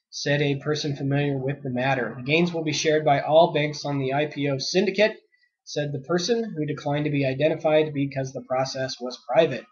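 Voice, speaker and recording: Male news podcast host, fairly high voice, indignant and filler-heavy, slightly sick and coughing, dull lo-fi sound. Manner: indignant, reads articles aloud then rants, many uh fillers. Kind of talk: solo news commentary podcast.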